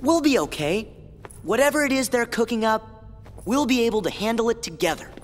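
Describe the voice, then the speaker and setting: Sora, an earnest teen hero. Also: male voice, very high voice, expressive, brisk. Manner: earnest and determined. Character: spirited teenage boy hero. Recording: long hall reverb with music.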